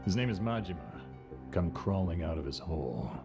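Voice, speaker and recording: An actor voicing a stern, proud middle-aged yakuza captain in a video game, in a measured, commanding, gravelly action-hero snake voice. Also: male voice, sits low, lively intonation. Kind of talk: dramatic video game voice acting. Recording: game audio with music underneath.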